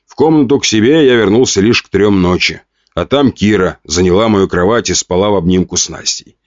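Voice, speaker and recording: Low-voiced male audiobook narrator. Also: fairly quick, no echo, dull audio. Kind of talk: scripted narration.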